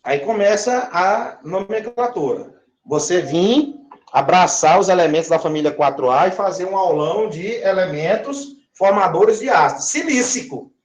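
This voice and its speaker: A man's voice: sits high, expressive, moderate pace. A man teaching chemistry, drawing out words and often checking that his listeners follow. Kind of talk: recorded classroom lesson. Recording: echoey room.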